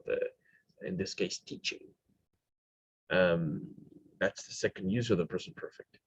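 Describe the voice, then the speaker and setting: A man's voice: deep voice, breathy edge, dry recording, lo-fi sound. A man teaching English grammar, explaining with many fillers and restarts and checking in with "right?".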